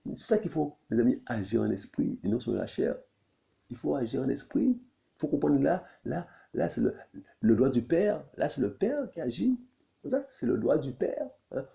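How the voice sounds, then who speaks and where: A male preacher with a very dark, gravelly voice that rises and falls a lot as he repeats his phrases and keeps checking that his listeners follow. His pitch jumps up sharply on his questions. The sound is dull and lo-fi. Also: very animated, moderate pace. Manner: repetitive, constantly saying "my friends" and asking "you see?"; pitch leaps high on questions. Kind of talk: sermon. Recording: dull lo-fi recording.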